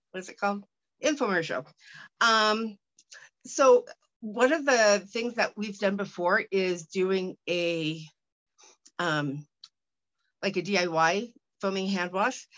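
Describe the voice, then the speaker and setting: Woman, casual unboxing chat, rambling, lots of fillers and restarts, middling pitch, slightly muffled recording. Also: a bit bright. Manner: reads product copy aloud haltingly. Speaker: product reviewer.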